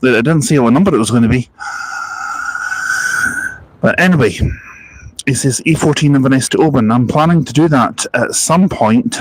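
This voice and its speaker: On a live stream from a bus park and ride, a young man with a mid-range voice chats casually, rambling between stories, spotting buses as they pass, and reading out viewer comments. The recording is rough.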